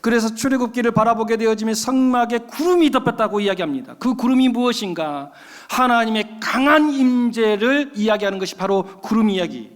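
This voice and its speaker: High-voiced pastor preaching in a church. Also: male voice, a little fast. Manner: animated storytelling, addressing the congregation. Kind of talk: sermon. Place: church sanctuary. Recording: long reverb of a church hall.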